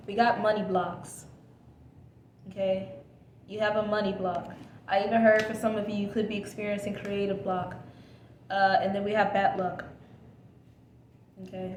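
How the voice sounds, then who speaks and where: Her voice is mid-range and somewhat dark, a little scratchy from an oncoming cold, and heard in a reverberant space. A woman gives her viewers a casual tarot reading, repeating reassurances and checking in with "okay?"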